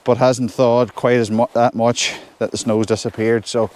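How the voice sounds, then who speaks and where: Male hiking vlogger, Northern Irish, mid-pitched, chatting casually outdoors while trudging through snow. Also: little pitch movement, normal speed, a little mellow. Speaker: solo hiker vlogging. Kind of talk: casual walking vlog. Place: outdoors on a snowy hill forest track.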